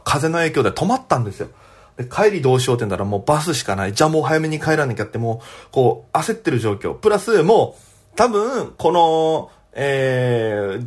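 A young man, a comedian, telling a story alone on his podcast in a chatty, animated way. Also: mid-range voice.

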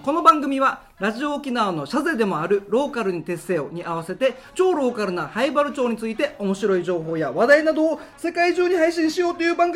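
A man hosts a local radio show, telling stories in a relaxed monologue. His pitch swings widely as he acts out voices and sound effects, and faint music plays under his voice. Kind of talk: casual storytelling monologue.

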